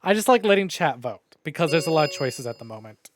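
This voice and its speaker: Talking fast in a fairly high, sing-song voice, a man streams a visual novel playthrough and chats informally with his viewers. His commentary mixes casual banter with reading the game's dialogue aloud.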